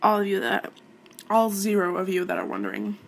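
Answering listener questions, a young Quebec woman in her late teens, a native French speaker, rambles in a candid, giggly, hesitant way. Her medium-pitched voice is sing-song and creaky, moving a little fast. Slight background noise is present.

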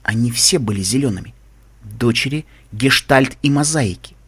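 A man reading first-person fiction aloud as an audiobook narrator, calm and measured. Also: medium pitch, slightly rough.

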